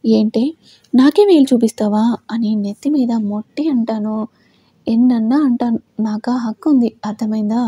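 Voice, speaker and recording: Woman storyteller, very dark mellow tone, slightly husky, close dry recording, acts out the dialogue. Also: fairly high pitch, steady tone, moderate pace, no echo. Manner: voices each character's quoted lines with shifts in tone. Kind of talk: scripted story narration with character dialogue.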